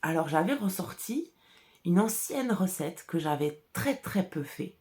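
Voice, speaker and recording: A woman's voice: lowish voice, animated, a little slow, darkish tone. A woman with a regional French accent, chatting casually on her podcast about dyeing yarn colours and laughing often. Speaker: hand-dyer and shop owner hosting a podcast. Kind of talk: casual chat.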